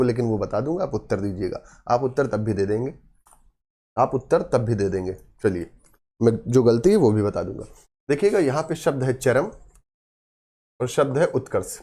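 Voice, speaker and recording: A man's voice: mid-range voice, dark tone. A man teaching a grammar lesson for exam students, quizzing his class and answering himself, repeating key words with emphasis.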